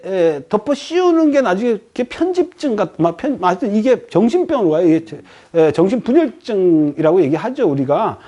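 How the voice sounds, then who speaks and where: A middle-aged man giving a professor's lecture to a class, animated, asking the room questions and acting out little quoted voices. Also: high-pitched.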